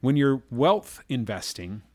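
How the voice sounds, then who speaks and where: A man's voice: medium pitch, very animated, a little mellow, dry recording, studio quality. Man explaining markets, checking in often. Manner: explains slowly with frequent "okay?" and "all right?" check-ins. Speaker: market commentator. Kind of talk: casual finance chat.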